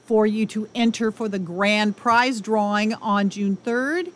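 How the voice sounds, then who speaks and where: A woman's voice: mid-range voice, a little slow. A woman speaking as an interview guest, explaining things in an emphatic, conversational way. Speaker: ranch development director, radio guest. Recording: clear background noise.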